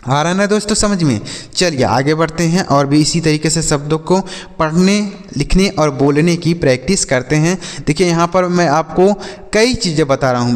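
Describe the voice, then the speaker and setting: A man with an Indian accent teaching English words, spelling each one out letter by letter and repeating example sentences slowly. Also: fairly high pitch, in a large hall. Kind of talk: slow spoken-English lesson.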